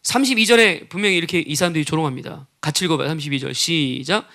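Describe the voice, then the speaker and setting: A man's voice: a little high, quick pace, vocal fry, pushed and bright. A male pastor preaching a sermon, with frequent rhetorical questions and acted-out quotes of scoffers.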